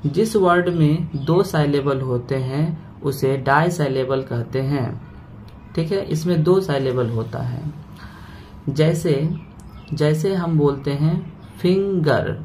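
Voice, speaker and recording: During a grammar lesson, this male teacher takes words apart slowly and keeps asking "okay" after every point. He speaks at a fairly high pitch with a darkish tone, and a slight hiss or hum can be heard.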